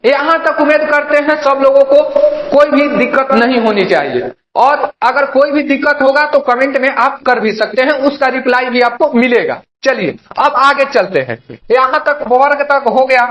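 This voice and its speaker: A man's voice: very high voice, lively intonation, normal speed, fairly bright tone, roomy sound, dull audio. A young male teacher, giving an online grammar lesson and repeatedly asking and answering his own questions. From Bihar, India. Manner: repetitive call-and-response questioning, addresses students as "babu".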